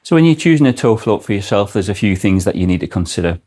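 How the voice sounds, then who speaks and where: A man's voice: lowish voice, big pitch swings, quick pace, darkish tone. A man giving an informal product explanation as a presenter, speaking indoors in a shop.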